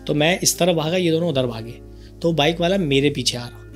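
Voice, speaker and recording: A man from Karachi, hosting a podcast and telling a childhood story in a lively, animated way. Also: a little high, fairly quick, faint music behind. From Karachi, Pakistan. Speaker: podcast host. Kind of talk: casual storytelling chat.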